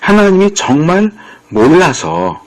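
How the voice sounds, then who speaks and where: A man's voice: a little high, huge pitch swings, slow. A male pastor giving a conversational sermon, acting out bits of dialogue as he explains. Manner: conversational preaching, acts out quoted dialogue.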